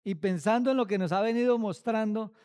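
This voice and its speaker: A man with a high, smooth, ringing voice preaches a Bible study sermon. He asks one rhetorical question after another. His delivery is slow and emphatic. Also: darkish tone.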